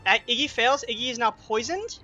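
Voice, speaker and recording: A man's voice: extremely high pitch, highs cut off, over loud music. A man acting as game master, calling rolls and damage and narrating the action in bursts. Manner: quick rules talk broken by animated narration.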